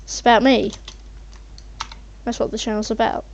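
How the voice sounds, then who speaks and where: A woman's voice: on the high side, little pitch movement, normal speed, creaky. A woman casually rambling over her gameplay as a channel host, hesitant and meandering as she thinks aloud. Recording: muffled mic with faint background noise, keyboard typing.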